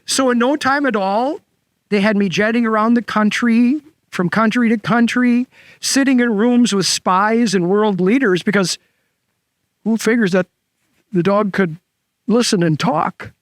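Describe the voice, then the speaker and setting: A boastful old Labrador spins his tall tale in a folksy, self-satisfied drawl, as a man puts him on. The voice sits fairly high and sounds dry and close, with no room around it. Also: measured pace, no room sound. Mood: proud, folksy. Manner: folksy, proud storytelling. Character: boastful talking Labrador retriever, male, retired spy.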